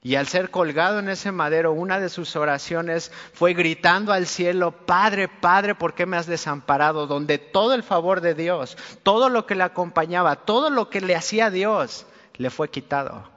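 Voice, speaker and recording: High-voiced preacher in a reverberant hall. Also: male voice, moderate pace, fairly bright tone. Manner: colloquial, earnest, addresses listener directly. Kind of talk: conversational sermon. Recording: long reverb, dull lo-fi sound.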